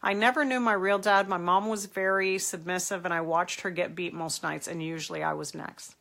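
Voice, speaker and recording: Here the host is a middle-aged woman, stuffy with a cold, who earnestly advises her live-stream audience, responding to viewer questions and reading their comments out loud with emphasis. She talks at a normal speed, her fairly low voice gravelly, slightly bright and steady in tone.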